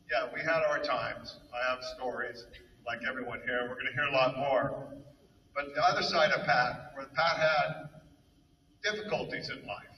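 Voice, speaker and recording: Man, memorial eulogy, bright forceful voice, halting and emotional, echoey hall from far off. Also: medium pitch, a little hiss or hum. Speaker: eulogy speaker, fellow coach. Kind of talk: memorial speech.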